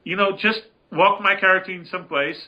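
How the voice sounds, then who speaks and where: A man's voice: high voice, steady tone, normal speed, highs cut off. A man co-hosting a casual gaming podcast, rambling and emphatic, and swearing freely as he talks. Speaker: podcast co-host.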